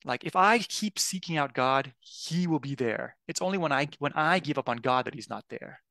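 In an animated, moderately paced delivery, a man with a gravelly, bright, forceful mid-range voice gives a sermon. It feels like conversation, full of restarts and tag questions such as "right?", and the recording is dry.

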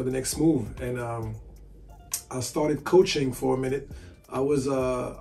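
This sports agent and basketball analyst, a Frenchman in his forties, sits in a hotel room answering interview questions casually with frequent "you know" fillers. He sounds far from the mic, with a mid-range voice, vocal fry and a darkish tone.

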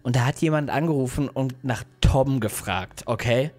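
A young man narrating a mobile game as a YouTuber, excitable and yelping in fright. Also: mid-range voice, moderate pace. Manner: excitable, yelps and shouts in fright. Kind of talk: let's play commentary.

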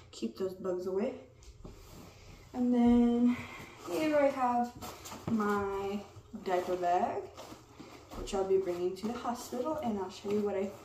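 A woman's voice: medium pitch, recorded from a distance. A young pregnant woman showing her baby shower gifts in a casual vlog, a little out of breath. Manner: slow, unhurried show-and-tell of items. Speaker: vlogger. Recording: roomy, off-mic with background noise.

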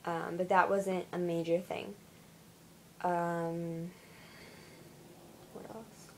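A young woman records a casual video diary at home, sounding tired and yawning now and then. She talks slowly in a flat, even voice, stopping often with fillers and restarting her sentences. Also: on the low side, slight background noise, poor audio. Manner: halting, with many fillers and restarts. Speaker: vlogger.

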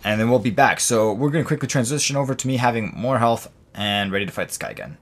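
A man's voice: medium pitch, animated, quick pace. A young man narrating his own gameplay, venting and exasperated, rambling with lots of filler words. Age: young adult. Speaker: gaming channel host. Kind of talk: let's play commentary.

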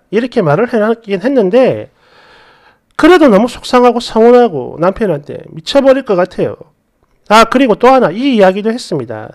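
Korean story channel lady reading a post out loud, very lively pitch, frustrated tone. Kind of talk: reading a community post aloud.

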